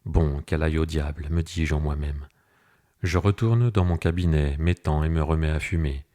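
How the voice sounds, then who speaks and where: Deep-voiced man reading a novel. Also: normal speed, mellow. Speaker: audiobook narrator. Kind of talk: scripted literary narration.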